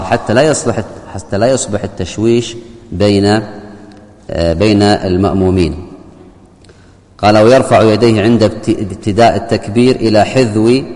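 A man's voice: fairly low pitch, a little mellow. A man giving a religious jurisprudence lesson, often posing rhetorical questions to his listeners. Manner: asks the audience rhetorical questions. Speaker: Islamic jurisprudence teacher. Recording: long hall reverb.

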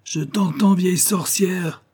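A man voicing a brutal male brigand with a rough, shouting voice in an audiobook. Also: high voice, fairly even intonation, takes it slowly, pitched above the performer's own voice, exaggerated voice. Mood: menacing.

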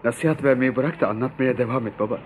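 A man's voice: mid-range voice, fast talker, noisy background, close to an everyday voice. A man playing a young, impatient son who doubts and questions his father in a radio drama. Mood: skeptical, insistent.

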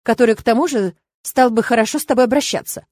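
A woman voicing a confident, teasing young male emperor in an audiobook, with a lively, raised delivery and a wry edge. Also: a little high, fast talker, dry recording, pitched above the performer's own voice, natural voice. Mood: assured, teasing.

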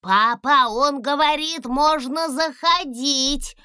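A woman's voice: mid-range voice, expressive, takes it slowly, sharp tone, no room sound, clean studio sound. A woman voicing a cheerful, eager little dragon boy. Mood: shouting.

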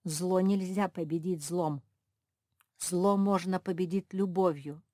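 A woman's voice: fairly low pitch, steady tone, takes it slowly, mellow. A woman voicing a nervous, earnest female pug. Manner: earnest, anxious.

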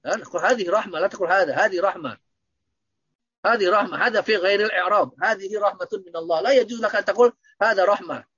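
A man's voice: high voice, quick pace, fairly bright tone, husky, no room sound. A man teaching Arabic grammar in an online lesson, quizzing his students with repeated questions. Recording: dull, dry lo-fi audio.

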